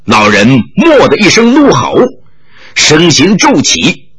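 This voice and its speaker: A man's voice: a little high, wildly swooping pitch, slow, a crowd in the background. A man narrating a martial arts novel in a dramatic, vivid storytelling style.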